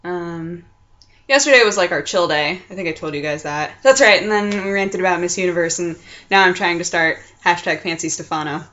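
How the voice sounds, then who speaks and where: A woman's voice: fairly low pitch, a little fast, fairly bright tone. Young woman chatting, muffled lo-fi webcam sound. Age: 20s. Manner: playful, rambling, acts out sounds and quotes. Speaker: vlog host. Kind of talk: casual chatty vlog. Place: small furnished room at home, indoors. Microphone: computer webcam mic at arm's length.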